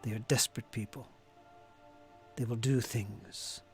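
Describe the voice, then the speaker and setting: A man voicing a wary, mystical elf druid in a tabletop game, solemn and dramatic, dropping into breathy whispers. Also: medium pitch, steady tone, unhurried, faint music behind. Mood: solemn warning.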